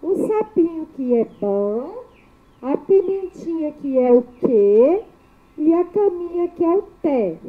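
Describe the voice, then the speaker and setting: A woman teacher giving a children's spelling lesson, sounding out syllables slowly and clearly in a sing-song way. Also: high-pitched, big pitch swings. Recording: thin phone-like audio.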